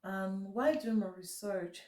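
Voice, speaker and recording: A woman with a soft, mellow voice chats casually to her viewers, rambling and correcting herself. Her nose is stuffed up, so she does mouth breathing as she speaks. The recording is echoey, picked up some way from the microphone. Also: medium pitch, a little slow. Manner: mouth breathing while talking. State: congested blocked nose, breathing through the mouth. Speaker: vlog host. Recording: echoey room, distant mic.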